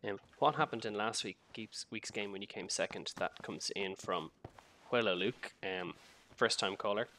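Joking man, bright voice. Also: fairly low pitch, normal speed, slight background noise. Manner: joking, rambling. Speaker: co-host. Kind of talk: casual game stream chat.

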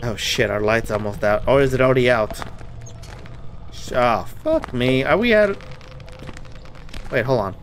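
With a medium-pitched, animated voice at a moderate pace, a man narrates his horror game playthrough to viewers, pausing often. He's jumpy, nervous, and swears plenty, with slight background noise in the clip.

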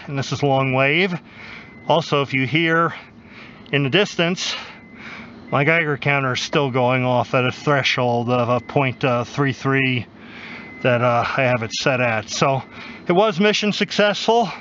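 A man's voice: mid-range voice, a bit bright. Man narrating outdoors, lo-fi noisy audio. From United States. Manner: easygoing, matter-of-fact, pauses with fillers. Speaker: mineral prospecting vlogger. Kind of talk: casual outdoor narration to camera. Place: snowy mountain trail outdoors at night. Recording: dull lo-fi outdoor camera audio with noise.

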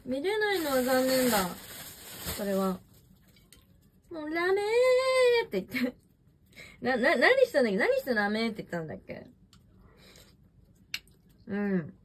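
A young woman chats on a livestream while eating at home, rambling and reacting to viewer comments. Her voice sits high and swings widely in pitch. She is picked up by a smartphone mic with faint room ambience. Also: a little hiss or hum.

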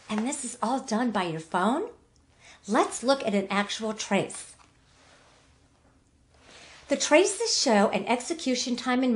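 A woman giving a bubbly, enthusiastic scripted product demo of a phone app. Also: a little high. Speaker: product presenter.

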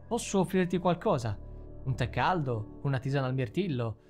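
A man's voice: mid-range voice, expressive, normal speed, darkish tone, faint music behind, lightly acted. A man voicing a playful, proud female goddess of the planet in a read-aloud story. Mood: hospitable.

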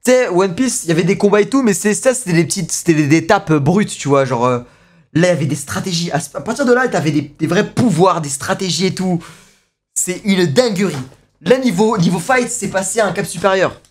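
A young man streaming live and reacting to a video. He talks excitedly, with lots of slang and repeated exclamations. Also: high-pitched, a little fast.

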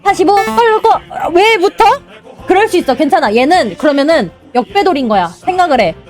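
A young woman streaming a game, commentating excitedly, cheering herself on and mock-calming herself. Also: high voice, brisk. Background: game music.

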